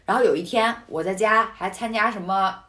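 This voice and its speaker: A woman chatting casually, telling a story with animated, indignant outbursts. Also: mid-range voice, fairly quick. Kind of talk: casual chat.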